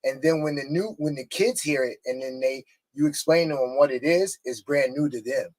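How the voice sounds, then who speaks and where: A man's voice: mid-range voice, moderate pace, a little mellow. A man co-hosting a casual interview, asking long rambling questions full of fillers. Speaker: co-host.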